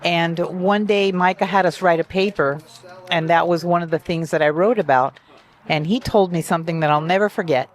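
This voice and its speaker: A woman from Cuba talks earnestly and warmly about her love of clay. She speaks from the heart, with small restarts as she goes. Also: on the low side, normal speed. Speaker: amateur potter. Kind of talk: casual interview. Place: outdoors at a kiln festival.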